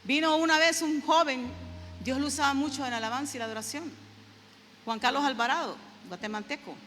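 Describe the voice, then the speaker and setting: A woman's voice: high voice, brisk, a bit bright, big-room sound, a little hiss or hum. A middle-aged woman preaching a sermon, emphatic and repetitive, often asking the congregation "¿sabe?". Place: church sanctuary.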